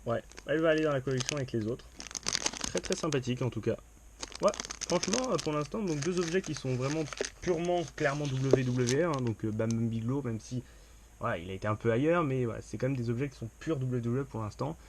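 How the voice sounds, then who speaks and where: A man's voice: medium pitch, quick pace, noisy background. Chatty man unboxing on camera. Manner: chatty, many fillers and restarts; upbeat enthusiasm. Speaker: unboxing vlogger. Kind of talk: casual unboxing commentary.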